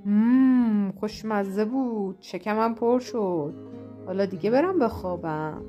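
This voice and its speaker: A woman's voice: medium pitch, mellow, faint music behind, lightly acted. Sly big bad wolf, as a woman puts him on. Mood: greedy. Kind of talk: storybook read-aloud.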